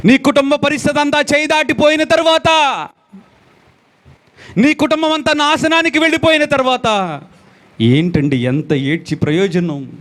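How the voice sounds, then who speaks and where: High, lively male pastor preaching. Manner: dramatic preaching, swinging from loud exclamations to low quiet lines; repeats phrases for emphasis. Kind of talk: sermon.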